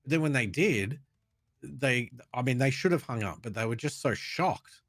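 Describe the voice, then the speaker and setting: A man's voice: medium pitch, lively intonation, normal speed, a bit bright, no room sound, clean studio sound. A man, a radio presenter, chatting casually and explaining things with many ums. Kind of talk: casual chat.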